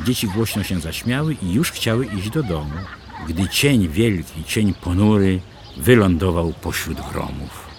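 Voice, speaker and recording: A man's voice: low voice, expressive, a little slow, slight background noise. A man narrating a rhymed children's story with a rhythmic, sing-song delivery.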